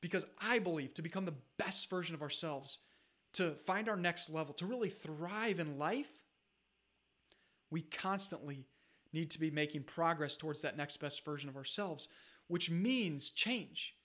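Man, high voice, thirties, motivational talk, earnest, repetitive urging. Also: lively intonation, normal speed, pushed and bright. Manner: earnest, urging, repeats "listen" and "you gotta". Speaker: self-improvement speaker.

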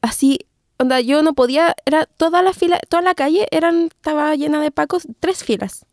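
Chilean woman, high voice, podcast co-host, laughing through a wild story, slangy. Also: fairly quick. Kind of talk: casual chat.

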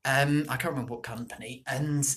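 A co-host of a casual podcast chat, quick and sarcastic, steering the topics. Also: medium pitch, fairly even intonation, crowd noise.

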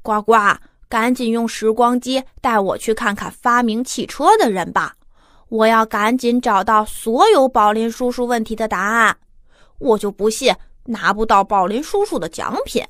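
A woman's voice: on the high side, moderate pace, fairly bright tone, no room sound, clean studio sound, natural voice. A woman voicing an eager, impatient, curious child in a children's audio story, with childlike exclamatory delivery.

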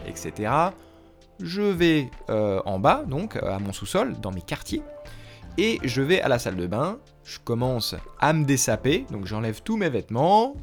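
A young French man telling a story in a casual, slangy way, acting out the lines he quotes. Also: mid-range voice. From France. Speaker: language vlogger.

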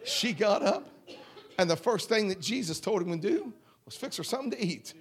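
A man preaching a fervent holiness sermon, rhythmic and drawling, often clearing his throat. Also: high-pitched, lively intonation, normal speed. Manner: fervent, rhythmic, drawling with repeated call-outs.

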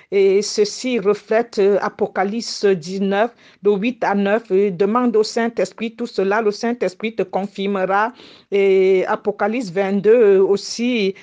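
A woman's voice: mid-range voice, a little mellow. Woman prophetess preaching, fervent, repeats herself a lot, muffled lo-fi sound. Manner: fervent, repetitive, pleading. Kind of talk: prophetic sermon and revelation account. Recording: dull lo-fi recording.

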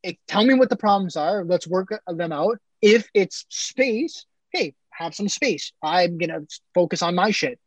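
A man's voice: sits high, animated, a little slow, few pauses, dry recording, poor audio. A man in his twenties co-hosting a podcast, arguing his point emphatically and repeating himself. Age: 20s. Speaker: podcast co-host. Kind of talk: casual chat.

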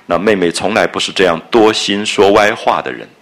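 A man's voice: low-pitched, brisk, a bit bright. A man lecturing on a classic novel. He talks conversationally, repeating phrases and asking his listeners rhetorical questions. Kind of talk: explanatory literature lecture.

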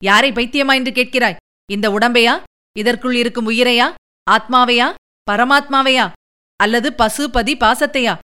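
A woman voicing a frantic young man, a physician's son, who keeps shouting accusations in an audiobook story. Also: fairly high pitch, unhurried, clear, resonant tone. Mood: scornful.

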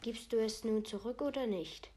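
A woman voicing a fierce, sharp-tongued teenage girl who snaps at a bully with contempt. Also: a little high, moderate pace, natural voice. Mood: annoyed. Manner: snappish, contemptuous.

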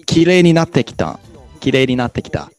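A man teaching pronunciation, coaching and correcting with lively encouragement and frequent laughter. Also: mid-range voice, normal speed, soft background music. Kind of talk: casual pronunciation lesson.

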